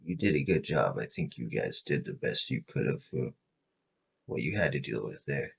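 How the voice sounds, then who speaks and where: A man playing a calm, supportive agency superior, speaking in a measured, reassuring way. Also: extremely low pitch, vocal fry, breathy edge, dull audio, voice pushed down, full character voice. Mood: calm, consoling.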